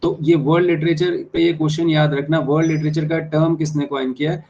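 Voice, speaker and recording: Male exam tutor, slightly high flat delivery, dull lo-fi recording with faint hiss. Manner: repeats key terms slowly, spells words out letter by letter. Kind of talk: explaining exam answers to students. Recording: dull lo-fi sound with faint noise.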